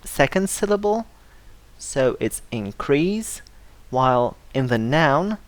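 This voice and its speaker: Steady, deliberate English teacher, mid-pitched voice, dry close sound, repeats every word list for learners. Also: dry recording. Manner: slow, careful delivery, repeating word lists for learners; stresses syllables to model pronunciation. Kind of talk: scripted vocabulary lesson.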